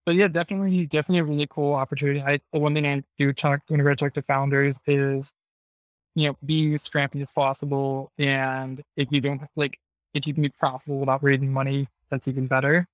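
A man's voice: medium pitch, little pitch movement, fast talker, no room sound. A man casually hosting a live discussion, chatting informally in startup-community language. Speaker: host of a live audio discussion. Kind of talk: casual, conversational moderating.

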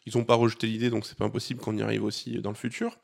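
A man co-hosts a gaming podcast, chatting about news in a loose, easygoing way. He talks fast. His voice has a gravelly, fry-heavy edge. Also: fairly low pitch. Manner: quick, relaxed, conversational. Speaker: podcast co-host. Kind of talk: casual gaming podcast chat.

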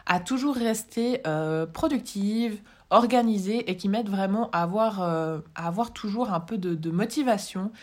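A woman's voice: medium pitch, normal speed, hardly any pauses. A young woman chatting casually as she gives organization advice straight to her viewers, with plenty of fillers and restarts. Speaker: vlogger giving organization tips. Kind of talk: casual advice talk to camera.

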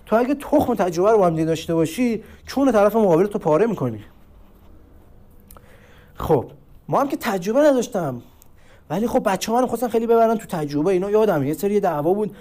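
Slangy young man telling street stories. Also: high voice. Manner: slangy, crude street talk with lively acted quotes. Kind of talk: casual storytelling monologue.

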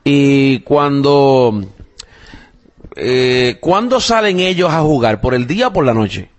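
A man's voice: mid-range voice, takes it slowly. Chatty Puerto Rican father hosting a podcast. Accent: Puerto Rican Spanish. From Puerto Rico. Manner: relaxed, chatty, many fillers, switches into English phrases. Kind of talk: casual family podcast chat.

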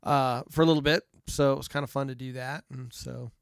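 A middle-aged father, talking in a relaxed, joking way. His voice is smooth and resonant, at a middle pitch. It sounds close and dry, with no room echo. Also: a little fast. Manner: joking, teasing, relaxed storytelling. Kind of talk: casual family chat.

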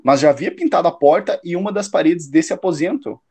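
A man plays a shrewd, self-assured radio-drama detective, analytical, probing and slightly condescending, with a measured delivery. His voice is on the high side, animated, mellow and husky.

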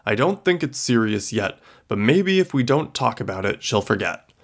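A man's voice: mid-range voice, sing-song, moderate pace. A man reading a story, voicing a grumpy, dismissive older husband. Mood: grumbling. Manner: gruff, dismissive.

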